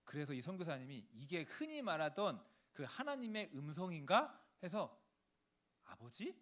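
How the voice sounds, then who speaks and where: A man's voice: fairly high pitch, very animated, moderate pace, a bit bright. A male preacher giving a sermon, telling a story and acting out the quoted lines. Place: church.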